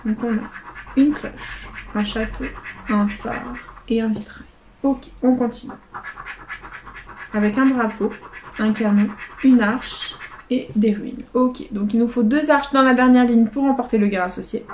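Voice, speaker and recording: A woman casually commenting as she scratches lottery tickets, calling out letters and numbers one by one, often quietly. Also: a little high, unhurried, reverberant, slight background noise.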